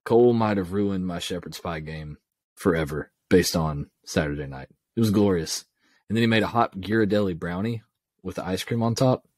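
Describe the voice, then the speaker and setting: A man's voice: sits low, moderate pace, darkish tone, dry recording, studio quality. A man, co-hosting a podcast in casual, enthusiastic, folksy chat. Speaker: podcast co-host.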